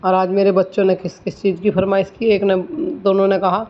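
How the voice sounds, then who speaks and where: A woman's voice: medium pitch, little pitch movement, brisk. A woman vlogging her morning routine in a home kitchen, talking through her chores in a chatty, homely way. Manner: chatty, homely, explains while doing chores. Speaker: village vlogger, mother. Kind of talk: casual vlog narration of daily routine. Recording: slightly dull lo-fi audio.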